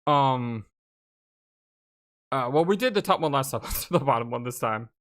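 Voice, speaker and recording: A let's play host, a woman with an extremely low voice, gives casual, animated and chatty commentary while playing a game and reading it aloud. She speaks at normal speed, with slight background noise.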